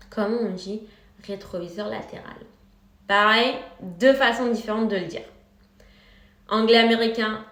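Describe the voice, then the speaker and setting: A woman teaching English car vocabulary, speaking slowly and clearly and repeating each word for her learners. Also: a little high, a bit bright, roomy sound. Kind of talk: vocabulary lesson.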